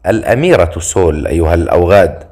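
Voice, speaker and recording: A man's voice: on the low side, normal speed, close to an everyday voice. A man voicing a cold, defiant exiled princess. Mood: angry. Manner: curt, cold.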